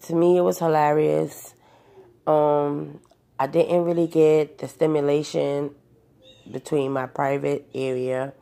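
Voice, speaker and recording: A woman's voice: low voice, flat delivery, slow, creaky, mellow. A young adult woman telling a personal story to the camera in a casual, rambling way, with many fillers and restarts. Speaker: vlogger recounting a personal experience.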